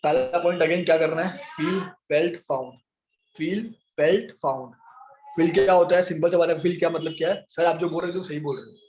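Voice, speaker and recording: A young man with a fairly high voice coaches his listeners through handling objections. He talks straight to them, often calling them "sir", and acts out both sides of the talk. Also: quick pace, a little mellow, a little hiss or hum. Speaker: business trainer.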